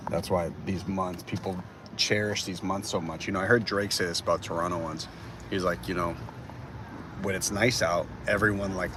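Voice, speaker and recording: Rambling twenty-something man, low voice. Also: background noise. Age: 20s. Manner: rambling, animated, says bro a lot. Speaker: livestreamer. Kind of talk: casual livestream chat. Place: driving through a city at night.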